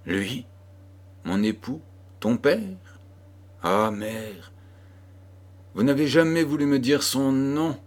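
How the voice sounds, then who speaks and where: A man's voice: medium pitch, takes it slowly, pauses often, pitched above the performer's own voice, close to an everyday voice. A man voicing an anxious, tender young woman who pleads fearfully with her mother, in an audiobook. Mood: pleading.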